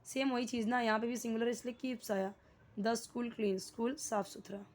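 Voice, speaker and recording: A young woman with an Indian English accent, teaching an English grammar lesson. She explains slowly, asks the class questions and repeats key words. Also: fairly high pitch, level tone, a little mellow.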